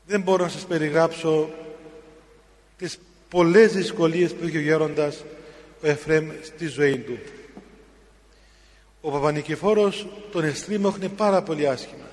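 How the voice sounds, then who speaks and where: Grave Greek Orthodox priest in a hall. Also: male voice, a little high, darkish tone. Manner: slow, grave storytelling with sudden emphatic rises. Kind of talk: sermon. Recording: long hall reverb.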